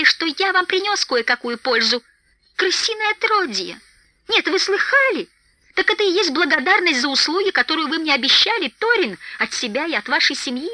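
A woman voicing a small, timid male hobbit who talks in a squeaky, fretful way. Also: pushed and bright, no room sound, heavily acted.

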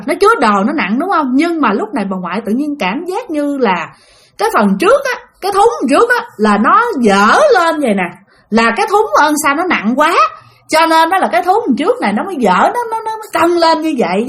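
Young woman, ghost story narration, chatty, lively swooping voice, slightly high. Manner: chatty, addresses listeners directly. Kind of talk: narrating ghost stories to listeners.

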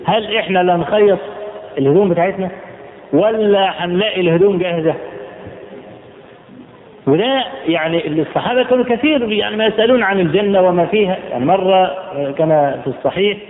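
Egyptian preacher in an echoey hall. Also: male voice, high voice, quick pace. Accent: Egyptian Arabic. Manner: mixes classical Arabic with colloquial asides, conversational. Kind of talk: sermon storytelling. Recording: echoey hall, tinny phone-like sound, faint noise.

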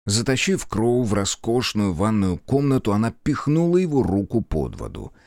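Deep-voiced male audiobook narrator. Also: sing-song, normal speed, a little mellow, no room sound, studio quality. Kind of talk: scripted narration.

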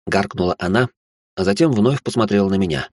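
A man narrating a first-person story in a measured storytelling manner. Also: lowish voice, darkish tone, no room sound.

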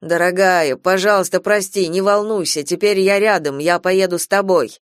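A woman's voice: fairly low pitch, smooth, no room sound, studio quality, lightly acted. A woman voicing an anxious, weary father who speaks firmly and reassures in a hurry, in an audiobook. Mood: urgent. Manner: firm, hurried reassurance. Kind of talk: audiobook character voice.

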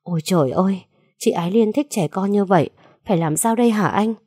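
A woman's voice: mid-range voice, fairly quick, mellow, slightly rough, dry recording, studio quality, close to an everyday voice. A woman voicing an anxious, indignant young wife in a told story. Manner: urgent, agitated.

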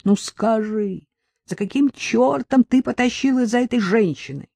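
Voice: mid-range voice, a little slow, creaky, warm tone, dry recording, pitched above the performer's own voice. An audiobook reader voicing an irritated husband who scolds his wife sarcastically during a quarrel. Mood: scolding. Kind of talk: audiobook character voice.

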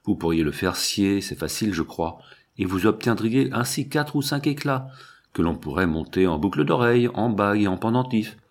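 A man's voice: on the low side, expressive, normal speed. A man reading a coaxing young woman. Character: young woman, lively, affectionate, fond of diamonds. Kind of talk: audiobook reading.

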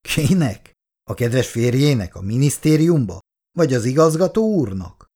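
A man's voice: medium pitch, very animated, dark tone, pitched above the performer's own voice. A man doing a sneering, smug office clerk. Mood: mocking. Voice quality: mocking, smug.

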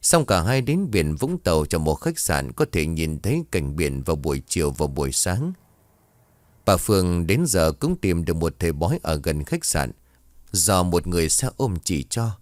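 A man with a deep, low voice narrating a ghost story, his pitch swinging widely as he tells it. The sound is dry and close, with no room around it. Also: very animated, normal speed, a little mellow, dry recording.

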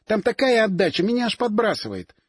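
A man's voice: high voice, very animated, brisk, breathy edge, no echo, clean studio sound, voice pushed up, full character voice. A man voicing a cheeky, wheedling young woman nicknamed Squirrel, in an audiobook. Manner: whiny, wheedling.

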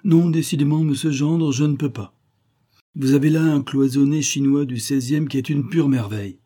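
A man doing a flattering, scheming gentleman buyer. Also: mid-range voice, moderate pace, voice pushed up, close to an everyday voice. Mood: effusive. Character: smooth, flattering male aristocratic customer.

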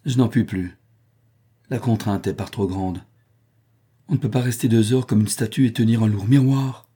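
A man's voice: on the low side, normal speed, warm tone, slightly rough. A man voicing a weary young slave girl who complains and pleads in a read-aloud novel. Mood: pleading. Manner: plaintive, pleading.

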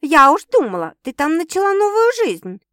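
A woman's voice: fairly high pitch, sing-song, moderate pace, no echo, studio quality. A woman voicing a teasing, outspoken young woman in an audiobook, sarcastic and bossy. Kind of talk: audiobook character voice.

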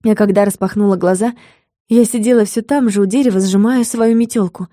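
Woman reading a fantasy audiobook, mellow low-toned voice, dead dry close mic. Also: dry recording. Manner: measured, even storytelling. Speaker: audiobook narrator. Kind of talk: scripted audiobook narration.

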